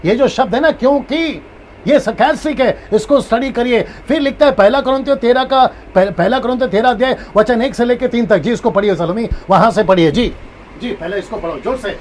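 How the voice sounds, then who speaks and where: Man, pastor, high voice, live Bible teaching, repeats himself, animated tones, faint background noise. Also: a little fast. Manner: repeats key points, animated with acted tones.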